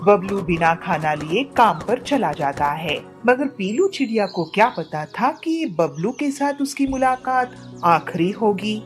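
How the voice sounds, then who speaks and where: Expressive woman narrating a cartoon. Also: medium pitch, a little slow, faint music behind. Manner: expressive storytelling.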